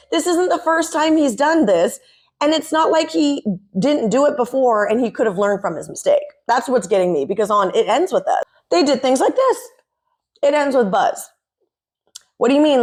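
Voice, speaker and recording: Exasperated woman ranting in commentary. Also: fairly high pitch. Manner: exasperated, sarcastic rants. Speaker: commentary vlogger. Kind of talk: opinionated commentary.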